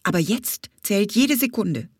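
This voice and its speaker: A woman's voice: medium pitch, big pitch swings, measured pace, darkish tone, husky, no echo, clean studio sound, voice pushed up. A woman voicing a bossy, fussing little female bumblebee in a children's audiobook, talking urgently and scolding.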